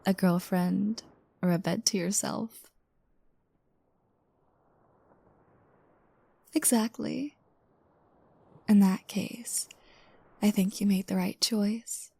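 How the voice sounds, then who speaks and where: In this intimate roleplay, a woman heavily acts the part of a young girlfriend who sounds mellow, slightly gravelly and drowsy, as if just woken. Her mid-range voice holds a steady tone as she teases playfully, slowly and softly up close with breathy asides, and the sound is dry with no room sound.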